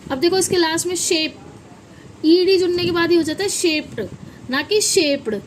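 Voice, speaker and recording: A woman's voice: very high-pitched, fairly even intonation, brisk, slight background noise, rough recording. A woman teaching English pronunciation in a lesson, repeating each word and quizzing her viewers. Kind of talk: classroom-style lesson with repeated examples.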